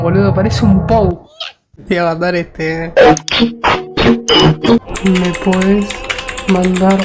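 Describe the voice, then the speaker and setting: A young man with a Rioplatense accent, commenting casually as a streamer while trolling a chat, mocking, laughing, then disgusted. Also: high-pitched. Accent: Rioplatense Spanish. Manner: mocking, swings between laughing and mock disgust.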